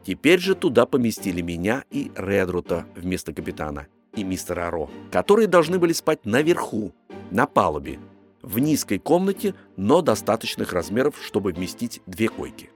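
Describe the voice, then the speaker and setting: Low-voiced male audiobook narrator. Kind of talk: first-person audiobook narration.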